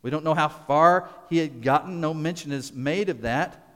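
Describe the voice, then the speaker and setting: A man preaching a sermon as a pastor, deliberate and emphatic, repeating key words and pausing for effect. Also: a little high, fairly bright tone, long reverb tail.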